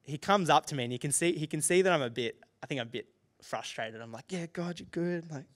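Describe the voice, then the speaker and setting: A young adult man with an Australian accent, a youth pastor telling a lively story in a sermon, laughing and acting out the people in it. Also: mid-range voice, fast. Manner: animated, laughing, acts out dialogue. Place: church auditorium.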